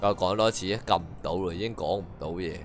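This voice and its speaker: 一位帶香港口音嘅年輕男實況主，邊玩遊戲邊用廣東話講解同揶揄對白。. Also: male voice, low-pitched, moderate pace. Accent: Hong Kong Cantonese. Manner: dry, mocking running commentary and translation of dialogue. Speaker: game streamer. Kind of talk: casual gameplay commentary. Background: faint game music.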